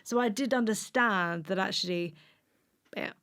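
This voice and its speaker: A woman's voice: medium pitch, measured pace, fairly bright tone, smooth. A woman with a mid-range voice hosts a casual parenting conversation. She talks informally from her experience as a mother, often rephrasing as she goes. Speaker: podcast host and mother. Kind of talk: casual conversational interviewing with personal anecdotes.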